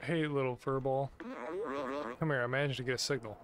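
A man's voice: mid-range voice, steady tone, a little fast, noisy background. A man hosting a gaming video, reading the game's dialogue aloud as he plays. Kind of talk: reading game dialogue aloud during let's play.

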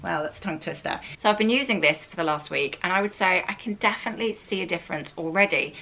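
Chatty woman from england doing a fashion vlog, low-ish voice, keeps saying really really. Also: quick pace, creaky, sharp tone, rough recording. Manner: chatty and enthusiastic, fond of "really, really". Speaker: fashion vlogger. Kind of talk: casual chat to camera. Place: bedroom set, indoors.

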